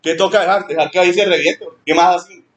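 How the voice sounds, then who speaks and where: A male pastor, preaching a sermon in an animated way and acting out church members in high mocking voices. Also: quick pace.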